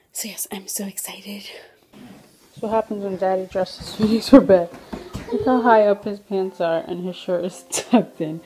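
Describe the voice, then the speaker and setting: Gushing young mom vlogging over background noise. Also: female voice, mid-range voice, rough recording. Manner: gushing, chatty, drops to soft half-whispered asides. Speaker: vlogger and mother. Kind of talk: casual vlog narration. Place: home indoors, then an outdoor park.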